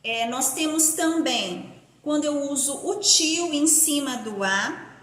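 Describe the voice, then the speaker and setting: A woman's voice: high voice, animated, a bit bright. A woman teacher from Brazil giving a primary school phonics lesson, stretching out syllables and spelling words letter by letter. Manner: slow, drawn-out syllable-by-syllable pronunciation. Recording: echoey room.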